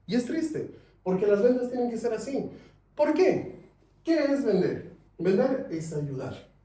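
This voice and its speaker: A man teaching a sales class, lively, asking his students questions. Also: very high-pitched, measured pace. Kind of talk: classroom lecture. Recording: echoey room, mic at a distance.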